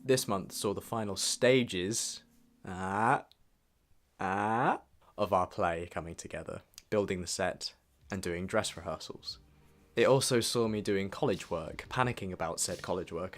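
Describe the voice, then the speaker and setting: In a low voice at normal speed, a young adult vlogger narrates a scripted recap of his year, reflective and informal, dropping in casual asides. Faint music plays behind him.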